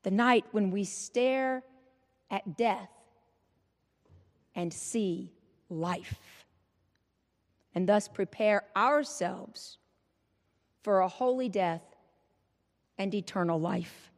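A woman preacher giving an Easter Vigil sermon into a pulpit microphone, in a measured, rhythmic style with repeated refrains. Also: mid-range voice. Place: large church. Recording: long church reverb.

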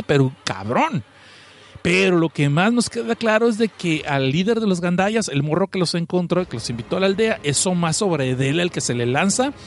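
A man with a Mexican accent retelling a story in casual, profane commentary, animated and full of slang. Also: sits high. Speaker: anime and manga reviewer.

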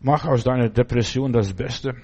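A man's voice: medium pitch, moderate pace, warm tone, slightly rough. A man preaching a sermon, speaking straight to the listener in a fervent, exhorting way, with short repeated commands and frequent filler words.

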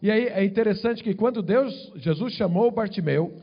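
A man preaching a sermon in short phrases, pausing after each one so an interpreter can repeat it. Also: high voice, slightly rough. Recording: dull lo-fi sound.

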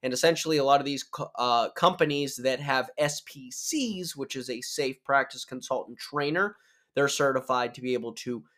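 With a mid-range, somewhat bright voice, a man runs his solo podcast while his throat is sore from a cold. He explains casually and cheerfully, stopping to restart and correct himself along the way.

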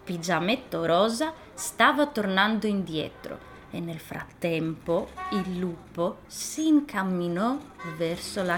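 A woman's voice: fairly low pitch, a little hiss or hum. A woman narrating a fairy tale in a scripted, playful storybook style. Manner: animated, playful telling.

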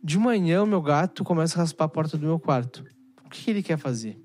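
A man's voice: on the high side, lively intonation, quick pace, a little mellow, faint music behind. A young man, hosting a podcast and telling stories in laid-back, slangy casual chat. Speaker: podcast host.

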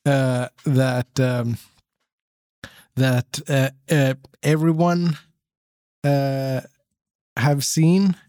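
Slow, hesitant man with a cough. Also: medium pitch, little pitch movement, a little mellow, no room sound, clean studio sound. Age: middle-aged. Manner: halting, hesitant, dryly humorous. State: has a persistent cough. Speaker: podcast co-host. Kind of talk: casual chat.

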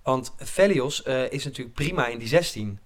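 A man in casual football chat, animated and laughing often, his voice climbing when he gets worked up. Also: mid-range voice, moderate pace. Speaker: football podcast panelist.

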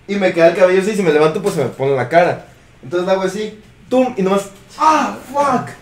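A young Mexican man with a high voice tells a story to his friends in a loose, slangy way. He laughs often and acts out the people in his story. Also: fast talker, darkish tone. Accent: Mexican Spanish. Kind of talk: casual storytelling among friends.

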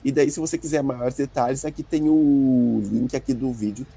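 A man's voice: mid-range voice, steady tone, moderate pace, creaky, mellow, husky. Matter-of-fact man explaining details. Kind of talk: casual podcast chat.

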